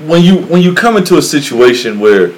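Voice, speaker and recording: Lively, swinging male voice in casual chat. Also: on the high side, fairly quick, poor audio.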